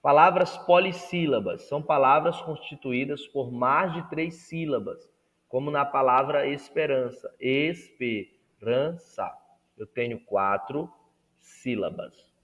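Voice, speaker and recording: A man's voice: medium pitch, unhurried, fairly bright tone, big-room sound. A man teaching a Portuguese grammar lesson. He stretches words out syllable by syllable when modelling them and checks in with his students through questions. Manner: asks the class rhetorical check-in questions. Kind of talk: recorded classroom lesson.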